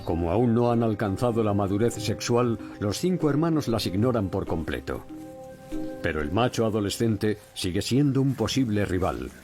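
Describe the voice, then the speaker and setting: A man narrates a nature documentary in a fairly low voice over prominent music. His delivery is scripted and measured, with a dramatic storyteller's weight. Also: lively intonation. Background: background music.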